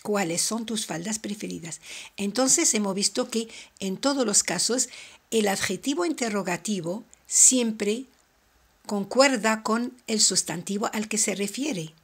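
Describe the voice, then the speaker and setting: A woman teaching a French lesson, explaining step by step and repeating each example slowly. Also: medium pitch, husky. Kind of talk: slow, careful language lesson.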